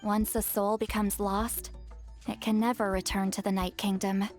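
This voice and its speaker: An actress playing a composed adult woman leader in a video game, speaking with calm authority. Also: mid-range voice, moderate pace, soft background music, close to an everyday voice. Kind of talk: game voice acting.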